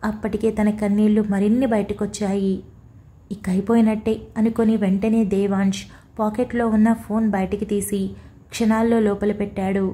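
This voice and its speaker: A woman narrating a romantic audiobook story in a steady, emotive storytelling manner. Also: mid-range voice, moderate pace.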